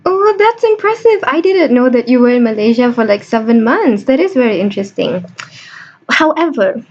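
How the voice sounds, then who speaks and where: A woman's voice: a little high, lively intonation, moderate pace, darkish tone, slight background noise. A young woman hosting a student podcast, playful and theatrical, joking her way through the interview. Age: young adult. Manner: bubbly, jokey, theatrical. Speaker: podcast host. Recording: dull lo-fi home recording.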